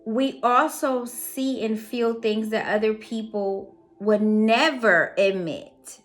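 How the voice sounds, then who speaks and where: Woman, psychic reader, slow delivery, earnest, emphatic repetition, faint background music. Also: a little high. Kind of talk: casual motivational talk.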